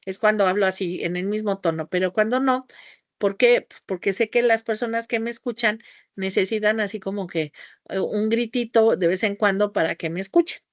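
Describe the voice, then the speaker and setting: Loud, theatrical woman teaching. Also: moderate pace, no room sound. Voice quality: high-pitched voice, calls it a squeaky off-key whistle. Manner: theatrical, shifts her tone, talks loudly; scattered, jumps between topics with tangents. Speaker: homeopathy teacher. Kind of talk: lecture to a class.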